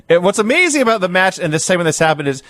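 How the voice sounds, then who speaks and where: A man's voice: sits high, big pitch swings, fast talker, fairly bright tone. A man co-hosting a podcast, chatting casually and wryly about an old wrestling show. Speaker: podcast co-host.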